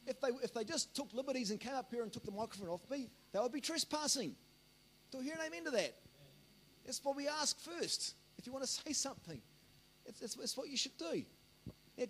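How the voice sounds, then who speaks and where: A man's voice: very high voice, a little hiss or hum. A man preaching a sermon as the pastor, repeating himself and calling out to the congregation for amens. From Australia. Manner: rambling, repeats words, asks the congregation for amens.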